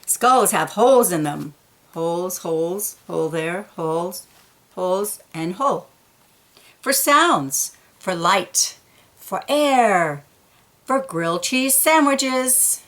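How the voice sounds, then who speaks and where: A woman with a lowish voice reads a children's picture book aloud. She is deliberate and expressive, adding playful emphasis to the key words.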